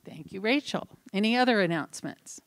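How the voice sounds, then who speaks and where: A woman in her sixties leading church announcements and a gentle prayer in a sanctuary, speaking into a handheld mic. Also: mid-range voice, animated, a little fast. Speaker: worship leader. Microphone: handheld mic at a lectern.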